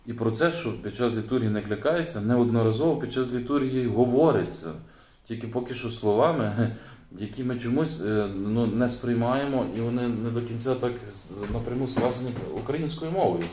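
A man's voice: medium pitch, fairly quick, roomy sound. A man who is a priest, giving a sermon in a casual, explaining way, hesitating often with fillers and restarts. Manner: hesitant, many fillers and restarts, chuckles now and then.

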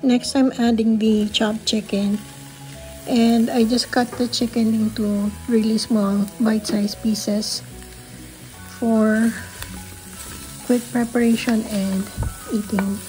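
A woman's voice: fairly high pitch, flat delivery, takes it slowly, pauses often, dark tone, soft background music, rough recording. A middle-aged woman with a Filipino accent, walking through a recipe step by step in her home kitchen, slipping Tagalog asides into her English. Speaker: cooking vlogger. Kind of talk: casual cooking narration.

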